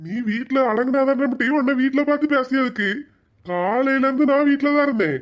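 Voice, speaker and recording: A woman's voice: high voice, brisk, highs cut off, close to an everyday voice. A woman voicing a bullying village husband who scolds and threatens. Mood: scolding.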